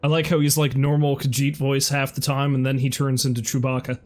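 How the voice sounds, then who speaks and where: A man's voice: medium pitch, level tone, a little fast, darkish tone. A man casually commenting on a video game as a streamer, amused and rambling. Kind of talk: casual let's-play commentary.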